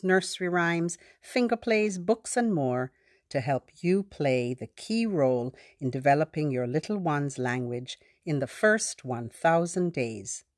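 Slow sing-song woman leading baby rhymes. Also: fairly low pitch. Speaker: children's podcast host. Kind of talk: talking and singing to babies.

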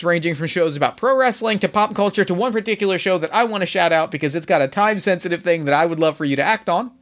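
Higher-voiced man hosting a podcast, enthusiastic. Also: a bit bright. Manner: enthusiastic, informal, effusive. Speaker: podcast host. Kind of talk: casual podcast introduction and interview.

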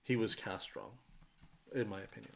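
A man's voice: on the low side, very animated, normal speed, gravelly, a crowd in the background. A man co-hosting a casual podcast chat, laid-back and hesitant, often trailing off with ums. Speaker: podcast co-host.

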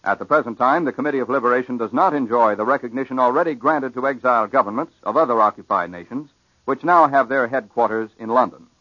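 An American man reading wartime news bulletins in a formal, measured 1940s radio newsreel manner, on an old broadcast recording. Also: mid-range voice, sharp tone, no room sound, dull audio. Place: radio news studio, dry sound.

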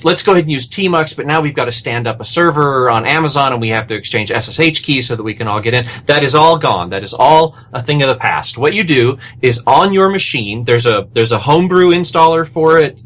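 A man talks on a podcast panel in a loose, casual way. He gushes with excitement and piles on the praise as he explains. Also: mid-range voice. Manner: excited, gushing.

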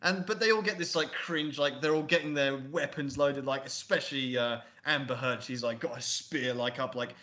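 Bright-voiced man rambling excitedly. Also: mid-range voice, moderate pace, few pauses. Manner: rambling, excitable, swears a lot. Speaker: podcast co-host. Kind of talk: casual film review chat.

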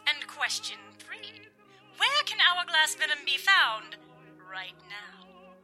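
An actress playing a gloating schoolmistress-like villain in an audio drama, mock-polite, theatrical and condescending. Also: female voice, high-pitched, sing-song, takes it slowly, pushed and bright, soft background music, full character voice. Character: gloating, schoolmistress-like female villain running deadly tests.

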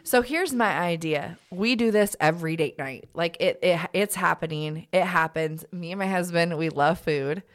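A young adult woman co-hosting a casual podcast, animated and full of fillers as she chats. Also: on the low side, moderate pace, few pauses. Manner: animated, bubbly, lots of fillers. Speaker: podcast co-host. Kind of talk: casual chat.

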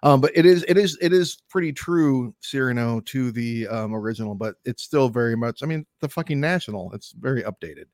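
A man's voice: mid-range voice, animated, fairly quick, few pauses, darkish tone, no echo. A man co-hosting a film podcast, talking casually and enthusiastically with some swearing. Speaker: podcast co-host.

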